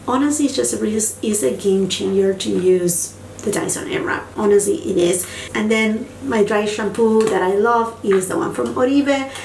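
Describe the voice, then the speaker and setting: Heard from a distance, this Spanish-speaking-born beauty vlogger has a medium-pitched, creaky, darkish voice. Her casual product review is full of excited gushing and repeated words, set in an echoey room humming faintly in the background.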